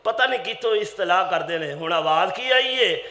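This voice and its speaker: A man giving a Friday sermon in a mosque, swinging between hushed asides and shouted exhortations and firing rhetorical questions at the congregation. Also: sits high, expressive, normal speed, echoey room. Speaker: preacher.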